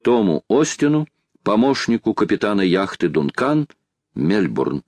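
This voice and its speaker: Man doing a distracted scholarly geographer, muttering, low voice, dry close sound. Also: big pitch swings, a little slow, darkish tone, dry recording. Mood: dictating. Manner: absent-minded, muttering to himself. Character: distracted excitable male French geographer.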